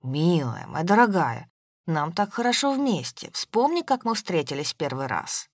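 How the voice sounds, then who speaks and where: A woman's voice: low voice, lively intonation, moderate pace, dry recording, clean studio sound, voice pushed down. A woman voicing a pompous, syrupy-voiced man in an audiobook. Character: pompous smooth-talking middle-aged man.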